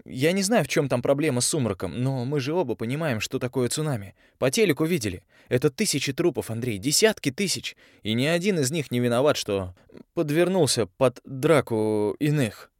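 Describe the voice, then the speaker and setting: A man's voice: mid-range voice, expressive, fairly quick, dry recording, studio quality, pitched above the performer's own voice, lightly acted. A male audiobook reader voicing a stubborn, defiant young woman who talks in a pressing, sarcastic way.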